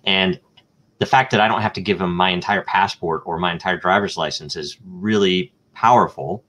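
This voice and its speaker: A man with a low, fairly bright voice answers questions at a moderate pace as a guest in a live online interview. He explains things step by step through examples, thinking aloud with frequent ums, uhs and restarts.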